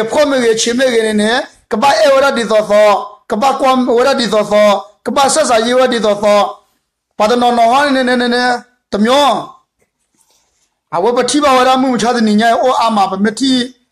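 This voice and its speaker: A man with a strikingly high voice leads a Bible study as its teacher. He tells the story in a loose, rambling way, circling back over the same phrases and padding them with fillers.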